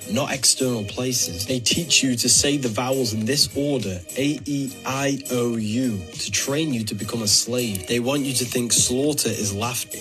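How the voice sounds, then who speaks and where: A man reading a scripted voice-over in a steady, declarative way. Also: medium pitch.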